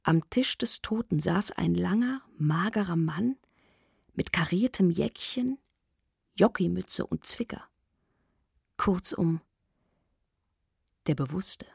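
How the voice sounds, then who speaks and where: A woman reading a novel aloud in measured, expressive scripted narration. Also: lowish voice, gravelly, husky, no room sound, studio quality. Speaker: audiobook reader.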